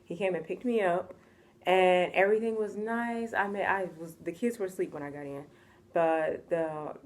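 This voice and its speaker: A woman's voice: on the low side, moderate pace. Chatty woman telling a story. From United States. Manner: chatty, full of "like" fillers, acts out quoted voices. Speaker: vlogger. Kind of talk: casual storytime.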